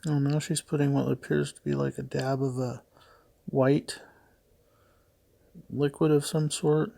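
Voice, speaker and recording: A middle-aged man with a gravelly voice and heavy audible breathing, giving hesitant, puzzled, matter-of-fact unscripted play-by-play narration. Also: medium pitch, level tone, measured pace, dark tone. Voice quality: gravelly, creaky. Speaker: father doing a voice-over for his daughter's makeup video.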